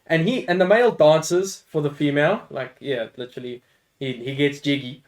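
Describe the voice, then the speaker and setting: Relaxed man explaining from his notes. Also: fairly high pitch, moderate pace. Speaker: podcast co-host. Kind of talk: casual chat.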